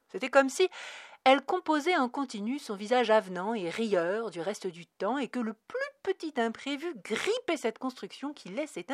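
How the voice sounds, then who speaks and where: A woman narrating a novel in a measured, expressive audiobook reading. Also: on the high side, dry recording, studio quality.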